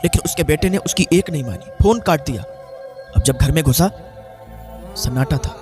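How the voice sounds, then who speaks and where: A high-pitched male preacher delivers an emotional sermon story, piling up repeated phrases for dramatic effect. Soft music hums faintly behind him. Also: normal speed. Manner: repetitive, dramatic retelling. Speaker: maulana, preacher.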